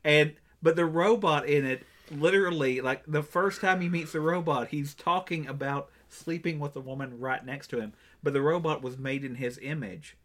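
Bright-voiced man chatting enthusiastically. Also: fairly high pitch, moderate pace, hardly any pauses. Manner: enthusiastic, rambling with restarts. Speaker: podcast co-host. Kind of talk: casual chat.

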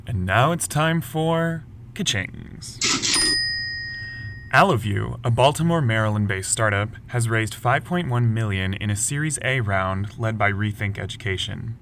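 A man co-hosting a news podcast, reading scripted headlines in a brisk, lightly wry way. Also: on the low side, lively intonation, background noise. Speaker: podcast co-host.

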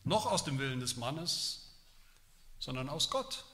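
A man preaching a sermon, emphatic, rising loud when he quotes. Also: mid-range voice, very animated, unhurried. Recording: long hall reverb.

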